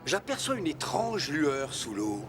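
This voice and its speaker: A man voicing a calm, composed gentleman adventurer in a cartoon dub. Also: on the high side, measured pace, soft background music, exaggerated voice. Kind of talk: cartoon dubbing.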